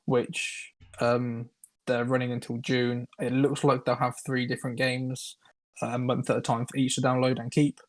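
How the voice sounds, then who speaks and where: A young man co-hosting a casual chat podcast, sarcastic and mock-excited. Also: medium pitch, normal speed. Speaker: podcast co-host.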